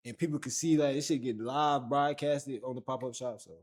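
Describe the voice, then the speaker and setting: A man's voice: medium pitch, fairly even intonation, fairly quick, a little mellow. A young man from Fayetteville, North Carolina, hosting a livestream in loose, slangy, profane casual chat full of fillers. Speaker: livestream host.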